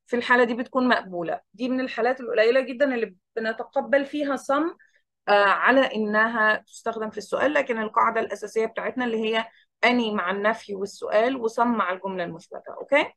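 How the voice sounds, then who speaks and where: A woman with an Egyptian Arabic accent teaching English, explaining quickly in Arabic and modelling English phrases slowly and carefully. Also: on the high side, fairly bright tone, no echo. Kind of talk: bilingual English lesson.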